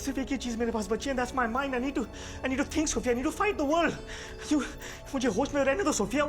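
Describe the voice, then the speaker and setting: An actor playing a proud, bitter, paralyzed former magician who gives orders, then pleads and shouts, in a film drama. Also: male voice, very high voice, normal speed, over music. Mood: agitated.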